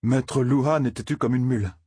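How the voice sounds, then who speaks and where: A man's voice: mid-range voice, brisk, warm tone, husky, no echo, studio quality, voice pushed up, close to an everyday voice. A man voicing a blunt, somewhat bitter young village man in a storybook reading.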